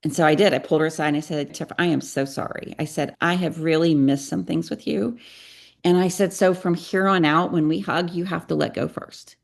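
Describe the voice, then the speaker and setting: A woman's voice: low-pitched, fairly even intonation, a little fast, vocal fry. A middle-aged woman guest on a podcast, earnestly telling a personal story and acting out bits of dialogue. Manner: earnest, confessional, acts out dialogue. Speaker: guest, psychotherapist and parenting coach.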